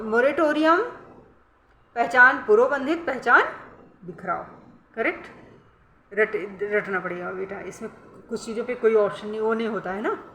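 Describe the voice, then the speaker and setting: A high-voiced woman teaches an exam-prep lesson, slipping Indian-accented English terms into her talk. She coaxes her students and keeps checking that they follow. The sound is bright and sharp, in an echoey room with a faint hiss behind. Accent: Indian English words mixed into Hindi. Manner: coaxing, calls students beta, keeps asking "correct?".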